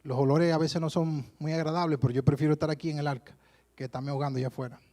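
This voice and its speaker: A man from the Dominican Republic with a Dominican accent, preaching a sermon to a church congregation and telling stories lively, often calling listeners brother. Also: on the high side, racing. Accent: Dominican Spanish. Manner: lively storytelling, keeps addressing listeners as brother. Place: church service before a congregation.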